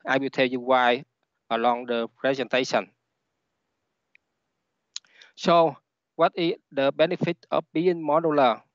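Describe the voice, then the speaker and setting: A man with a Vietnamese accent, a native Vietnamese speaker, giving a halting technical presentation over a headset on an online call. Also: on the high side, dry recording. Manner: halting, with repeated words. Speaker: conference speaker, software engineer. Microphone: headset on a video call. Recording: dull, lo-fi online call audio.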